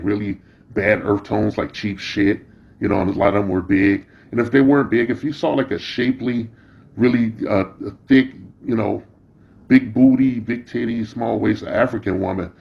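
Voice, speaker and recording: Middle-aged man, creaky voice, blunt profane commentary, confrontational, slangy rambling delivery, dull lo-fi sound. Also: lowish voice. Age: middle-aged or older. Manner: confrontational, scornful. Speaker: social media commentator. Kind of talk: informal opinion rant with rambling anecdotes.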